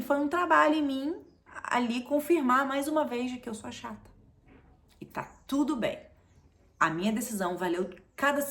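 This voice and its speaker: A woman in her forties from Brazil, telling a personal story to camera in a chatty, confessional way and acting out the lines she quotes. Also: a little high. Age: 40s. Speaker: vlogger.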